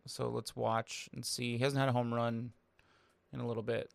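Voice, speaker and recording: A man co-hosting a casual sports podcast, laid-back and slangy, often trailing off quietly. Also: mid-range voice, flat delivery, moderate pace, vocal fry. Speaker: podcast co-host.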